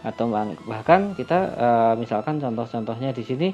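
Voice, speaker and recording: A man teaching a class, calmly explaining English greetings and introductions and slowing down for the example phrases. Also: medium pitch. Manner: calm and explanatory, switching into slow, lifted voice for English example phrases. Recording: lo-fi recording with faint music.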